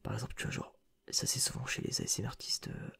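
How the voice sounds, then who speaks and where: A man's voice: fast talker, a bit bright. A man giving whispered ASMR reaction commentary as a content creator and streamer, rambling with slangy, joking asides, close to a sensitive microphone.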